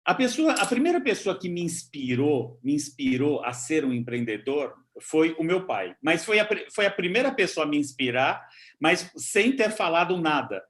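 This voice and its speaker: Interview host, man in his fifties, slightly high voice, stammers. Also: very animated, normal speed, a bit bright. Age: 50s. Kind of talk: casual interview talk.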